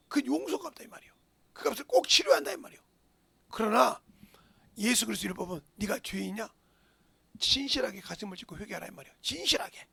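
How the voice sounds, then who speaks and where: A man's voice: very high voice, creaky, a bit bright, husky, no room sound. A male pastor preaching a sermon with emphasis. He fires rhetorical questions and often drops into a whisper.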